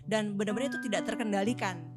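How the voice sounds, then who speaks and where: A woman's voice: mid-range voice, fast. A married woman, candidly telling a personal story on a faith talk show. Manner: candid, reflective. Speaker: co-host. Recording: music playing under voice.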